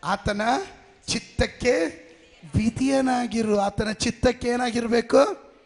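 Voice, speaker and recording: A male pastor preaching a sermon with call-and-response to his congregation, often swelling into shouts. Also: very high voice, slow pace, creaky. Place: church worship hall. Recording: long reverb of a large hall.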